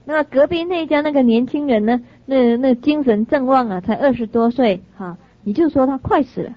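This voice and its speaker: A fretful, complaining family berates a doctor, voiced by a woman telling the story. The voice sits somewhat high. The recording is dry and a little dull. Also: fairly quick, no echo. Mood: exasperated. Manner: exasperated, complaining. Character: anxious family members scolding a doctor.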